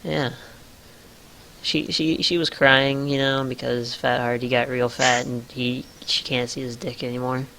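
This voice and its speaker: A man's voice: medium pitch, flat delivery, a little slow, noisy background. A man co-hosting a podcast in casual comedic chat, sarcastic and crude. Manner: sarcastic, crude, laughing asides, gives letter grades. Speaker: podcast co-host.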